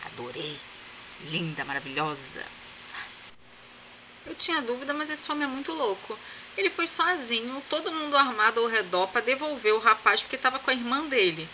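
A woman's voice: medium pitch, background noise. A woman from Brazil chatting casually as she recaps and mocks the episodes of a soap opera, talking straight to her viewers. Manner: chatty and gossipy, calls viewers "gente", mocks characters. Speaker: series reviewer and host.

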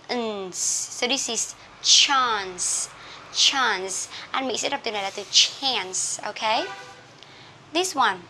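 Vietnamese lady drilling english words real slow, kinda high voice. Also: a little hiss or hum. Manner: models each word slowly twice, then explains warmly. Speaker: English pronunciation teacher. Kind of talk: pronunciation drill lesson.

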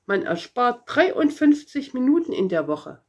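A woman voicing a brisk, self-assured salesman of thirst pills in a storybook read-aloud. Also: a little high, big pitch swings, heavily acted. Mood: businesslike.

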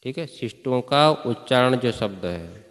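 A man's voice: mid-range voice, lively intonation, a little slow, a bit bright, long reverb tail. A man teaching Sanskrit grammar to a class, chanting verses and quizzing students with frequent questions. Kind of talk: classroom lecture.

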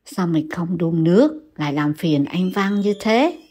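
A woman's voice: lively intonation, unhurried, a little mellow, husky. Woman voicing a faint, weak injured husband. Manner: faint, low, whispery.

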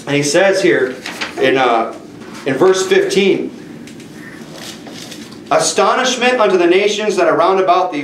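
A middle-aged man preaching a sermon, reading scripture slowly and emphatically in a small church room. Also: a little high, a bit bright, a little hiss or hum. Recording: echoey room from far off.

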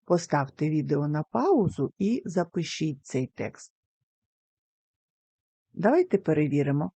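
A woman teacher giving a recorded lesson to young children, speaking slowly and carefully and sounding out words syllable by syllable. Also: low-pitched, very animated, mellow, slightly rough, no echo. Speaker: primary school teacher.

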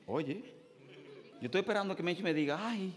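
High-voiced joking preacher in a hall. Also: male voice, brisk. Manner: animated, joking preacher who swings from loud to hushed. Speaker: pastor. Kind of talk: sermon. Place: church hall. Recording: long hall reverb.

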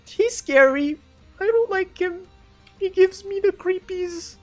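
A gamer doing a high, stammering baby voice for a timid, childlike underling who is easily frightened. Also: lively intonation, slow, faint music behind, exaggerated voice. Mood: scared.

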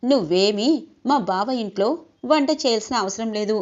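A woman's voice: medium pitch, moderate pace, a little mellow, close to an everyday voice. A woman voicing a jealous, pushy young woman who scolds and sulks. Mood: indignant. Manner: bossy, sulking, scolding. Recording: dull lo-fi recording.

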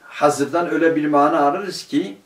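A male teacher gives a class a grammar lesson, posing questions to his students and answering them himself, and reading quoted classical phrases slowly. His voice is a little high, and a distant room mic makes it sound roomy.

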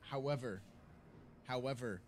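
A man's voice: mid-range voice, a little slow, soft background music. A man in a tabletop game, joking with others and describing his character's state. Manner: jokey, speaks for his character in third person. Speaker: player. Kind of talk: tabletop game play, casual chat.

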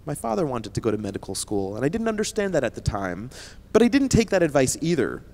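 Speaking into a handheld microphone on an indoor conference stage, this thirty-something scientist and founder delivers an emphatic motivational keynote to students. His mid-range, slightly mellow voice swoops wildly in pitch, and he talks fast. He often checks in with listeners through frequent "right?" tags.

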